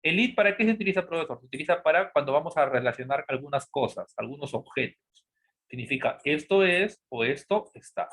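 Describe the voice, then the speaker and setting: A man teaching a grammar lesson. He poses students' questions aloud, answers them himself, and repeats key words slowly. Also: fairly high pitch, expressive, fairly bright tone, husky. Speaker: English teacher. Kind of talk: classroom-style lesson explanation.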